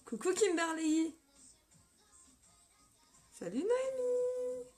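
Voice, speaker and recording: Upbeat, slightly hoarse female live-stream host; high, leisurely delivery, cheerful viewer shout-outs. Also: very animated, drawn-out words, soft background music. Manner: upbeat, greets viewers by name. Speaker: live makeup tutorial host. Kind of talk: casual live-stream chat and makeup demo. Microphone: phone.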